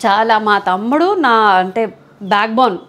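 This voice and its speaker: A woman's voice: medium pitch, expressive, measured pace, fairly bright tone. A woman with a Visakhapatnam Telugu accent, speaking candidly in an interview and acting out what others said. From Andhra Pradesh. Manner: emphatic, acts out quoted dialogue.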